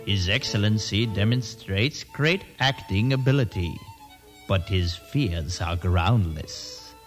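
An actor playing a scheming male royal advisor who flatters in a smooth, self-assured way. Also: fairly low pitch, takes it slowly, faint music behind. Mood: smug. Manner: oily, flattering, coolly confident.

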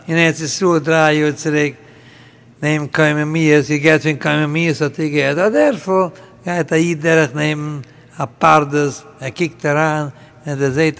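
A man telling humorous anecdotes to a live audience, lively and acting out the people in his stories. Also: fairly high pitch, gravelly. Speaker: storyteller. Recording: long hall reverb.

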